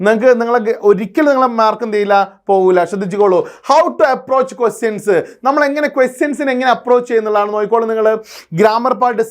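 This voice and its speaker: High-voiced man quizzing his class. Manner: quizzing listeners with rhetorical questions; mixing Malayalam with English terms. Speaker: English teacher. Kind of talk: exam-prep lecture.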